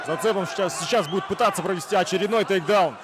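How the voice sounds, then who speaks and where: A man's voice: sits high, fast talker. A man co-commentating live on an MMA fight in short, punchy play-by-play calls. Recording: loud crowd and arena noise behind.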